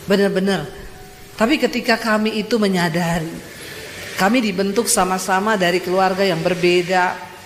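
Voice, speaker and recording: A woman pastor from Sulawesi with a Sulawesi accent, preaching a sermon full of lively personal stories and addressing the congregation directly. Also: mid-range voice. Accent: Sulawesi Indonesian. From Sulawesi, Indonesia. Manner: lively, animated storytelling, addresses congregation as "saudara". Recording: echoey church hall, faint noise.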